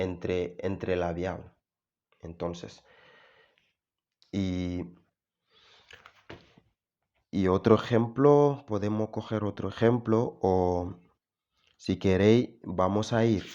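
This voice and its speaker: A deep-voiced man gives a slow, casual video lesson on sounds. He halts often, restarting words and filling gaps as he sounds out syllables. The recording is dull and lo-fi. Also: dark tone. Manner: halting, many fillers and restarts, spells out sounds. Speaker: French teacher.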